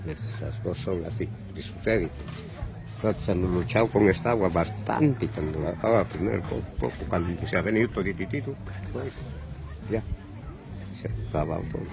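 A middle-aged man from Peru, a local resident, answering a reporter's questions outdoors in halting, fragmented speech into a handheld mic. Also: deep voice, gravelly, rough recording. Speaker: affected resident. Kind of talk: interview answers. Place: outdoors among ruined houses.

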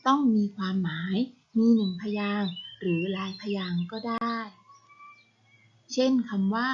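Husky woman teaching young pupils. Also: mid-range voice, lo-fi sound. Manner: slow, careful reading of example words. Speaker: primary school teacher. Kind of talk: recorded Thai lesson for young pupils.

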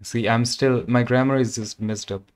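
Chatting casually with his game-stream viewers, a young Keralite whose native tongue is Malayalam talks in an Indian accent, with plenty of fillers and loose wording. His medium-pitched voice is clear, resonant and steady at a normal pace, picked up by a condenser mic.

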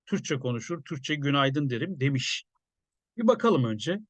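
A journalist commenting in a casual, conversational way, musing with many hesitations. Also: male voice, medium pitch, big pitch swings, unhurried, no echo.

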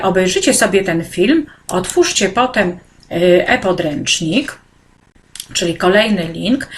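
A woman teacher walks children through an online e-textbook lesson. She talks slowly and patiently, stopping often on hesitant fillers, and her voice sits at an ordinary middle pitch. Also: a bit bright. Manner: speaks directly to children, encouraging. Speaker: primary school teacher.

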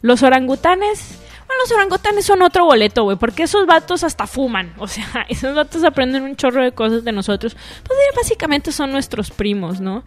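A young woman with a Mexican accent hosts a casual solo radio show, speaking a little fast in a high, sing-song voice. She's chatty and full of slang and swearing, with music playing faintly behind her.

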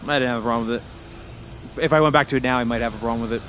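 Guy doing lets play chat, avg pitch, explaining the game, slight game noise behind. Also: steady tone, very fast, a bit bright. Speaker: game commentator guiding the player. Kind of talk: casual let's-play chat. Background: video game ambience.

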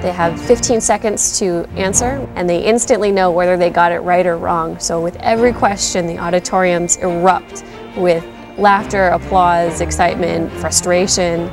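Enthusiastic lower-pitched woman. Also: steady tone, normal speed, over music. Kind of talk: interview remarks.

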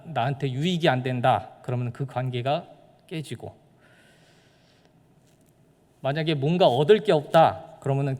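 A man's voice: medium pitch, a little mellow, in a large hall. A man preaching a sermon as pastor, in a conversational way with rhetorical questions. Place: church.

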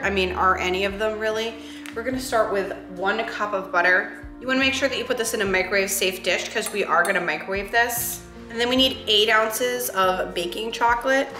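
A woman in her thirties from New Hampshire, chatting casually to viewers as she cooks at home. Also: mid-range voice. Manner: chatty, upbeat, talks to viewers while cooking. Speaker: cooking channel host. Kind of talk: casual cooking vlog narration. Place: home kitchen. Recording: roomy kitchen with background music.

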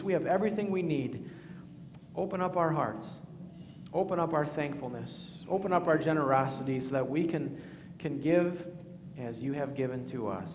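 Pastor in a cathedral echo. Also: male voice, fairly high pitch, background noise. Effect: cathedral echo, long church reverb. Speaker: pastor leading worship. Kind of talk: liturgical prayer and communion address. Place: large church sanctuary. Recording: long reverb of a large church hall.

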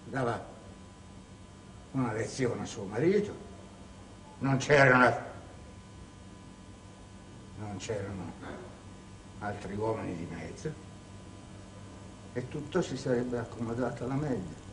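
An actor playing a proud, cunning, wronged middle-aged male clerk in a theatrical stage performance, swinging from hushed bitterness to shouting. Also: mid-range voice, normal speed, pauses often, a little hiss or hum, natural voice. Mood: grim. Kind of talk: stage acting. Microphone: distant room mic. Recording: distant echoey stage recording.

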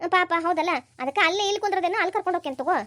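A stern old cartoon grandmother scolds her family bluntly in a North Karnataka Kannada accent, with a woman putting her on. The voice sits very high and moves quickly. It is recorded dry and close, with no room sound. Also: bright, forceful tone, dry recording. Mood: commanding. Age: older. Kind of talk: cartoon voice acting.

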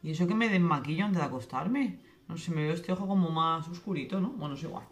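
A young woman vlogging casually from her home kitchen, talking quickly and cutting herself off mid-sentence. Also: fairly low pitch. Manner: fast, chatty, self-interrupting. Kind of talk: casual kitchen vlog chat. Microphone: camera on tripod.

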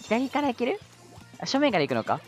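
Excitable man doing game commentary. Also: very high voice, fairly quick, soft background music. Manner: excitable, yelling at the game during tense moments; self-mocking asides. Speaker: gameplay commentator.

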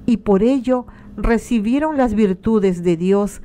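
A woman reading a devotional text aloud in a calm, measured, solemn way. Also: medium pitch. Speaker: liturgical reader.

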